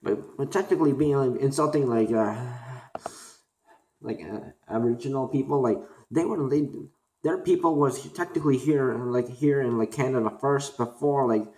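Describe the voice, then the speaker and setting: A young man from Korea, talking unscripted to camera as a student vlogger, halting and full of fillers and restarts. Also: mid-range voice, warm tone. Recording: roomy echo.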